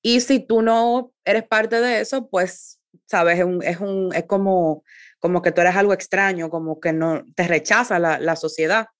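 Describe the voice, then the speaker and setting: A woman from the Republic, interviewing a guest in a thoughtful, halting way. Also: lowish voice, steady tone, no echo, studio quality. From Dominican Republic. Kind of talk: interview conversation.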